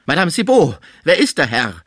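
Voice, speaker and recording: Feverish old male collector, frantic and shrill, put on by a male reader; dry close recording. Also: huge pitch swings, moderate pace, fairly bright tone, breathy edge, dry recording, full character voice. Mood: terrified. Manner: shrieking, terrified and furious.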